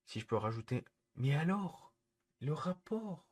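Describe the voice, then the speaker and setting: A man's voice: a little high, sing-song, measured pace, slightly rough. A man streaming live, scolding his chat in an exasperated, repetitive rant.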